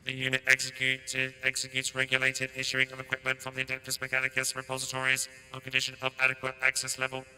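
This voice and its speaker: A man voicing a formal male machine cognition unit through a metallic robotic voice filter, reciting in a monotone. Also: mid-range voice, fast talker, few pauses, faint music behind. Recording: roomy echo with long reverb.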